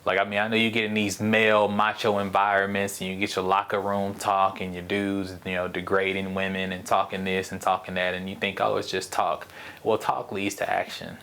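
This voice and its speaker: A man's voice: deep voice, monotone, fairly quick, few pauses, bright, forceful tone, clean tone. Blunt, profane man talking casually. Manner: blunt, profane, rambling with frequent restarts. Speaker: podcast host. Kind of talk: casual solo podcast monologue.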